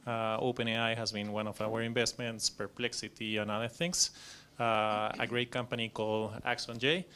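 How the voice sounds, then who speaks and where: A man from Chile, an investor introducing himself on a conference panel, halting with fillers. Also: on the low side, fairly even intonation, sharp tone, a little hiss or hum. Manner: hesitant, many fillers.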